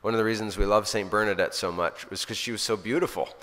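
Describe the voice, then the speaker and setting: Earnest priest in a reverberant hall. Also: male voice, fairly low pitch, steady tone, fast talker, fairly bright tone. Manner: earnest, storytelling, often restarts sentences. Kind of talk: informal spiritual talk.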